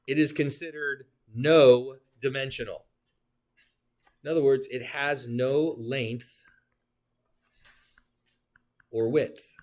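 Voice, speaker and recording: A man's voice: mid-range voice, slow, long pauses. A male geometry teacher giving a classroom lecture, explaining definitions with playful asides and questions to his students. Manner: animated, joking asides, talks to students.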